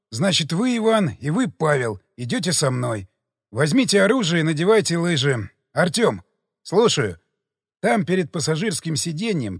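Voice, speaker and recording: A man's voice: on the high side, husky, dry recording, studio quality, full character voice. A man reading as a cool, venomous foreign leader. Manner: precise, measured, politely venomous. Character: calm, coldly sarcastic foreign man, expedition leader.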